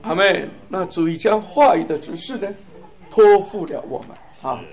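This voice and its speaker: A man's voice: high voice, lively intonation, moderate pace, crowd noise. A man giving a fervent sermon-style testimony, chuckling often and stressing points in lists. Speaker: church speaker.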